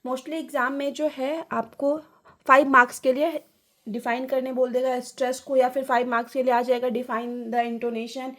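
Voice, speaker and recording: A woman teacher giving an exam-prep lecture, reading English lines slowly with an Indian accent and then explaining each in Hindi. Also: high voice, flat delivery, a bit bright.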